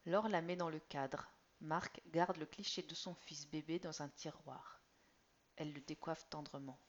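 A woman reading a story aloud in a measured, expressive voice that sometimes drops almost to a whisper. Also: low-pitched. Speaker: narrator. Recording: slightly dull lo-fi recording.

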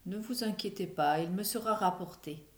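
A woman reading aloud, voicing a courteous elderly count in a storybook, soft and polite. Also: medium pitch, moderate pace, echoey room, natural voice. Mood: reassuring.

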